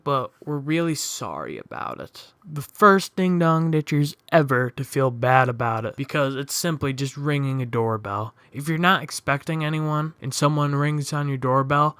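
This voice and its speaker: A young man tells a personal story in a sardonic, offhand way, with frequent swearing. His voice is bright and crisp. It is recorded close and dry, with no room sound. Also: medium pitch, no room sound. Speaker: storytime vlogger. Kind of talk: casual storytime narration.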